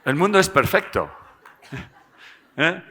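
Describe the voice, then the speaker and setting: A man gives a live talk to an audience, animated and joking, often tagging his sentences with a questioning "eh?". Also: fairly high pitch, takes it slowly, noisy background. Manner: animated, tags phrases with "¿eh?" and jokes with the audience. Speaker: speaker giving a seminar.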